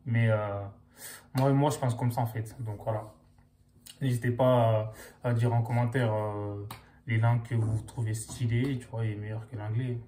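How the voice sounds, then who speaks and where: Young guy vlogging, mellow, slangy and loose, heavy on fillers. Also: medium pitch, flat delivery, moderate pace, a little hiss or hum. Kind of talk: casual chat to camera.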